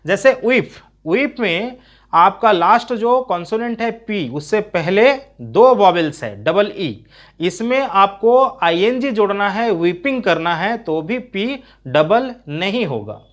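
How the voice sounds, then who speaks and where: High-voiced man teaching spelling. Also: slow pace. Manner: spells words letter by letter, steady explaining tone. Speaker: English teacher. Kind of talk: spoken grammar lesson.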